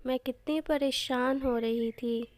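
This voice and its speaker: A woman's voice: sits high, steady tone, slow, darkish tone, dry recording. A woman voicing a worried old grandmother animal in a cartoon story, fretful and scolding.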